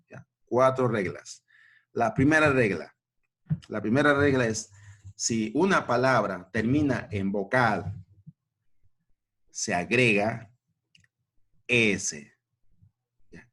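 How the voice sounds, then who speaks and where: A man teaching a grammar lesson at a board, repeating points and checking in with short questions. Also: medium pitch. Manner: slow, repetitive, checking in with "¿no?" and "¿ya?".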